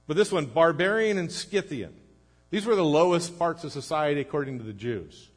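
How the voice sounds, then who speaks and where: Earnest preacher man, slightly high. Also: expressive, moderate pace, breathy edge. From United States. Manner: earnest preaching, rising to emphatic then dropping low and quiet. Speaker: pastor. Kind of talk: sermon.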